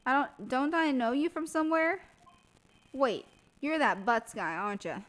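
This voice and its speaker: A woman voicing a bumbling male police detective, reading game lines in a louder, slower, blustering voice. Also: high voice, animated, low-quality recording. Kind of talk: reading game dialogue aloud in character.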